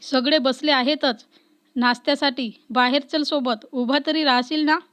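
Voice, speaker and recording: A woman's voice: sits high, fairly even intonation, fairly bright tone. Woman voicing a strict, teasing young officer. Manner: teasing, quick to scold. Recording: dull lo-fi recording.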